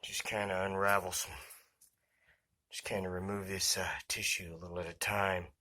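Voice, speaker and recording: A man's voice: deep voice, little pitch movement, normal speed, pushed and bright. A man with his mouth and nose covered, sounding muffled as he gives casual, careful unboxing commentary, thinking aloud. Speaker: tarantula keeper presenting an unboxing.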